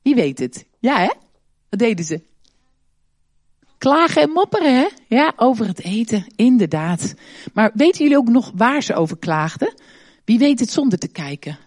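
Een vrouw die in een kerkdienst een interactief kinderpraatje houdt, met veel vragen en uitroepen. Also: female voice, on the high side, moderate pace, pauses often, dry recording, studio quality. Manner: asks many questions, animated, exclaims. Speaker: children's talk leader in church service. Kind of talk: interactive children's talk.

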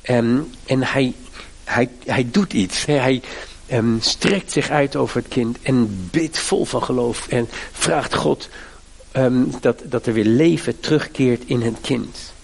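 A man's voice: medium pitch, slow pace, creaky, husky. A middle-aged man preaching a sermon, with fervent, emphatic appeals to his listeners. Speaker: pastor.

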